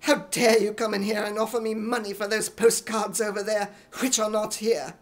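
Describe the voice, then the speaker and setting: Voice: mid-range voice, steady tone, moderate pace, close to an everyday voice. A performer playing a pompous, indignant, shady old male army major with an imitation British accent in radio comedy. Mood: indignant bluster.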